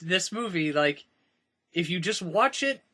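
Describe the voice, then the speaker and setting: A man's voice: sits high, lively intonation, measured pace, bright, forceful tone. A man in his twenties co-hosting a casual podcast in a friend's house, rambling with plenty of fillers and restarts. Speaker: podcast co-host. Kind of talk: casual chat.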